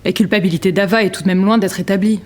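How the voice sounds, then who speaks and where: An actress playing an assertive, indignant defence lawyer, formal and insistent, in a courtroom audio drama. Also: female voice, mid-range voice, fairly even intonation, racing, a little mellow, natural voice.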